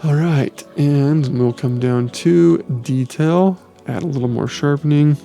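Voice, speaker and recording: A man hosting a software tutorial, walking through photo editing step by step in a relaxed way. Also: fairly high pitch, measured pace, creaky. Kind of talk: screen-recorded software tutorial. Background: faint background music.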